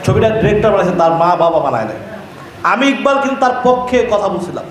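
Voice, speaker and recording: A man's voice: sits high, animated, quick pace. Fiery man ranting in an echoey hall. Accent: Bangladeshi Bengali. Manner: combative, jeering, repetitive rhetorical questions. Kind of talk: heated press-event speech. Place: event hall with crowd and reporters.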